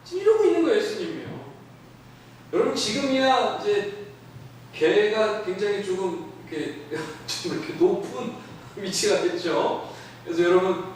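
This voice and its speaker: A man preaching a sermon as pastor, animated, acting out quoted voices and questioning his congregation. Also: high voice, slight background noise. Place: church sanctuary. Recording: echoey church from a distant mic.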